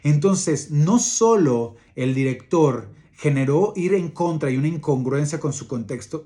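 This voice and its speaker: A man's voice: a little high, warm tone. Earnest man coaching leaders. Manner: earnest, repetitive, halting with fillers. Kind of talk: motivational talk with anecdote.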